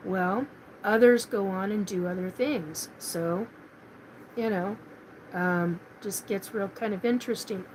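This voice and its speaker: A woman's voice: mid-range voice, measured pace, darkish tone, slight background noise, poor audio. A middle-aged woman from Washington State hosting a live paranormal chat, rambling casually with many fillers and restarts. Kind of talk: casual live-stream monologue.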